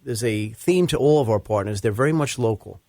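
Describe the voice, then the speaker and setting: Male podcast host, mid pitch, chatty and filler-heavy, dry close mic. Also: lively intonation, brisk, a little mellow, no room sound. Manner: chatty, lists sponsors with frequent fillers. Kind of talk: casual podcast talk.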